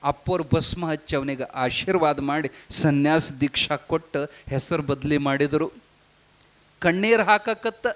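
A male preacher tells a devotional story. He speaks in lively local dialect and keeps a steady storytelling flow. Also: fairly high pitch, unhurried. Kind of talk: storytelling sermon.

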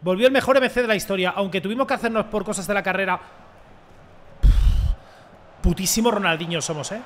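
Young male gaming streamer, high bright voice, excitable slangy banter, faint noise behind. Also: a little fast. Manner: excitable, shouts on goals, slangy banter with viewers. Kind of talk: let's play commentary.

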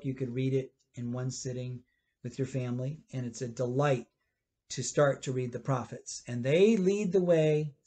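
A man in his fifties leads a children's church lesson. He explains patiently and rephrases as he goes. He is recorded through a table webcam in a book-lined church library. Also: mid-range voice. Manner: gestures a lot, explains gently with rephrasing. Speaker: pastor.

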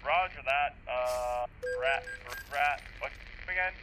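A man's voice: mid-range voice, slow pace, noisy background. A man talking over a CB-style radio channel, answering with trucker radio lingo in clipped call-and-response. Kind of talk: CB radio roleplay banter.

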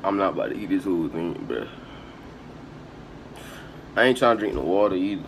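A man's voice: low-pitched, animated, a little fast, gravelly. A young man chatting casually to the camera in a home food challenge video. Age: young adult. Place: small room indoors at home. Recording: noisy home phone recording.

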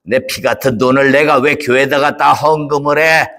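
A man doing a gruff, scoffing rich man. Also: medium pitch, steady tone, moderate pace. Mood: scornful. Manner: blustering, shouts in anger, scoffs. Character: greedy, gruff rich man, scornful and stubborn. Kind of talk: church puppet show.

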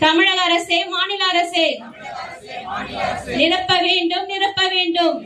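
A woman leading a protest through a megaphone, chanting each slogan twice in a steady rhythm. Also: very high-pitched, slow pace, background noise. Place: outdoor street protest. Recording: echoey, distant, loud crowd around.

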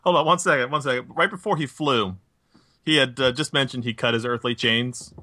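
A man's voice: medium pitch, brisk, pushed and bright, no room sound. A young man co-hosting a podcast, making wry jokes in casual chat about a cartoon. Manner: wry and joking. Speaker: podcast co-host.

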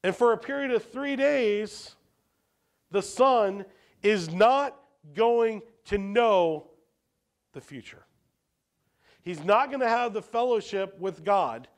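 A man preaching a sermon as a pastor, posing rhetorical questions and swinging between emphatic lines and hushed ones. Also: sits high, animated, slow, pauses often.

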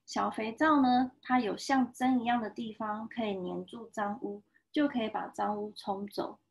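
Animated woman reading a picture book. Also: a little high, moderate pace, gravelly, breathy edge. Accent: Taiwanese Mandarin. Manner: animated, sound effects and character voices. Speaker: storyteller reading picture books live.

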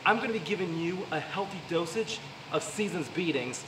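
A young adult American man from the Carolinas, in wrestler persona, cuts a theatrical promo packed with cocky trash talk. His voice is a little high and animated at normal speed. Filmed by camera on a handheld microphone, the audio is roomy, distant, and clearly noisy.

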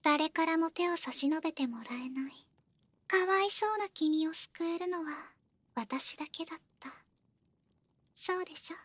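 Woman acting a very high-voiced, softly menacing sorceress, ASMR role-play. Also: moderate pace, dry recording. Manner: softly menacing, coaxing, possessive, babying. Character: possessive female wizard, coddling and controlling caretaker. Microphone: close, dry studio microphone.

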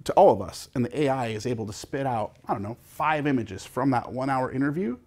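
A man's voice: medium pitch, animated, a little fast, a little mellow. A man, a festival founder, speaking earnestly and with feeling in a news interview. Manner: earnest, emotional, conversational.

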